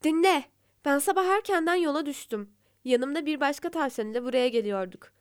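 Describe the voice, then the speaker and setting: A woman's voice: high-pitched, brisk, no echo, clean studio sound, natural voice. A woman voicing a small, clever, brave hare in a storybook fable. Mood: pleading. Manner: pleading, cunning.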